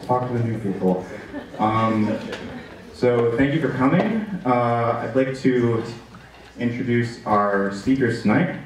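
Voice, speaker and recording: A man's voice: mid-range voice, slow pace. Upbeat man hosting in an echoey room. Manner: upbeat, chatty, many fillers. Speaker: event host and moderator. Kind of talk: casual live event introduction. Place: event room with an audience. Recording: echoey room, far from the mic, audible noise.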